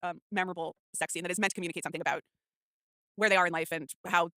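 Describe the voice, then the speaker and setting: A woman's voice: lowish voice, fairly even intonation, racing, fairly bright tone, no echo, clean studio sound. A woman co-hosting a podcast, chatting casually about a film in a rambling way, full of false starts and filler words. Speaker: podcast co-host.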